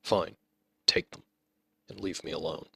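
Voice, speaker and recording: Small orphan beggar boy, quiet and guarded, low gravelly tone from a male narrator. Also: fairly even intonation, a little slow, dry recording, distant mic, full character voice. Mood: quiet defiant.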